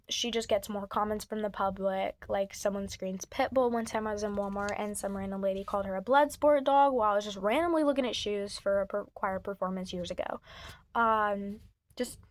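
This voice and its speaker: A woman's voice: medium pitch, moderate pace. A woman talking casually to the camera in a blunt, chatty way, recorded on her phone's microphone. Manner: blunt and chatty, swears freely. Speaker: service dog handler. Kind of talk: casual vlog talk to camera. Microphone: phone camera mic.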